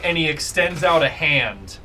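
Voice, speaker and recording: A man's voice: fairly high pitch, animated, unhurried, pushed and bright, a little hiss or hum. A man improvising casual narration as game master of a tabletop role-playing game.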